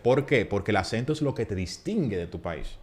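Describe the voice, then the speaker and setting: A man, a public speaking coach giving advice in a casual podcast chat, emphatic and animated, acting out little quoted scenes. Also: lowish voice, fairly quick.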